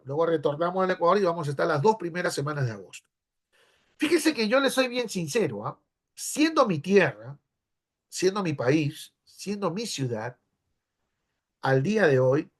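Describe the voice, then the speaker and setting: Lively, high-voiced Peruvian pastor. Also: male voice. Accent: Peruvian Spanish. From Peru. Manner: conversational, checks in with listeners. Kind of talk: sermon-style teaching class.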